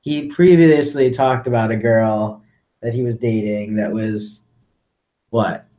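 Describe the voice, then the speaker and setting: A man's voice: medium pitch, steady tone, slow, mellow. A man with a mid-range voice joins a casual podcast chat. He talks hesitantly and often lets his thoughts trail off. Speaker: podcast co-host.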